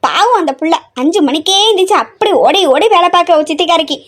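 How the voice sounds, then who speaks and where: A woman's voice: very high-pitched, lively intonation, fast talker. A woman playing a nagging middle-aged mother in a family comedy skit, scolding and complaining nonstop.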